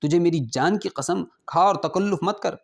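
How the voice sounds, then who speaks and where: A man's voice: sits high, vocal fry. A man voicing a lavish, mocking rich host who insistently presses food on his guest. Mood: coaxing. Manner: insistent, coaxing.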